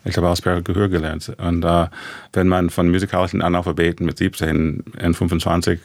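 A man with an American accent and English as his first language talks through his path as a composer in German. His voice sits very low with a gravelly fry. The sound is close and dry, and his speech is halting and full of fillers. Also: little pitch movement, no room sound. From USA. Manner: halting, many fillers and restarts in imperfect German. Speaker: composer guest. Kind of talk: reflective radio interview answers.

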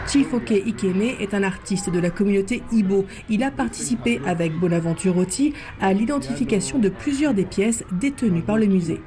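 A woman radio reporter narrating a news report in a measured, even way. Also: medium pitch.

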